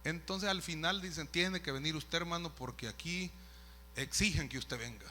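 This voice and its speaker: A man's voice: a little high, normal speed, pushed and bright, slight background noise. A man, a pastor telling a story in a sermon, conversational with asides to the listeners. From El Salvador. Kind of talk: sermon testimony.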